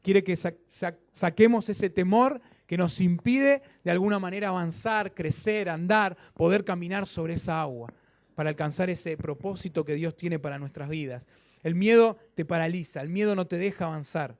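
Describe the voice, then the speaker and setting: A man preaching a sermon in a Rioplatense Spanish accent, repeating phrases for emphasis and often checking in with a quick "¿sí?". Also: high voice, dry recording. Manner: questioning the congregation with frequent "¿sí?". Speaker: pastor.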